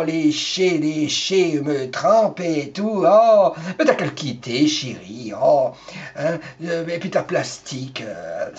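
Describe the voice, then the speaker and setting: A middle-aged man doing a camp comic rant in character, theatrical and full of drawn-out exclamations. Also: fairly high pitch, highs cut off. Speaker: comic performer.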